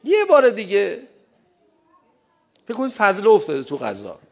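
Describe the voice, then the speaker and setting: A man's voice: high voice, wildly swooping pitch, creaky. A middle-aged man giving a humorous lecture to an audience, often laughing and acting out short dialogues. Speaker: speaker addressing an audience on parenting. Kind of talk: lively lecture.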